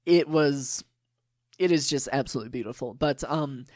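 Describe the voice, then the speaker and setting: A man's voice: medium pitch, normal speed, a little mellow, no echo. An eager young man, a podcast guest, who rambles through his stories with plenty of fillers. His voice sits in an ordinary middle register. The recording is dry and close. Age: young adult. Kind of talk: casual podcast chat.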